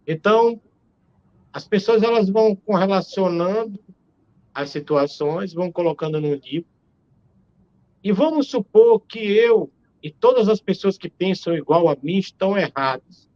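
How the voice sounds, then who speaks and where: A man's voice: high voice, a little slow, dull audio. A Brazilian man in his forties, a theologian on a live-stream video call, arguing emphatically and asking rhetorical questions. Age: 40s. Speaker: theologian guest.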